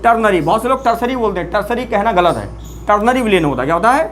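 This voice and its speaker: A chemistry teacher giving a classroom-style lecture, often asking the students questions and then answering them, and repeating key terms slowly for emphasis. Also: medium pitch, animated.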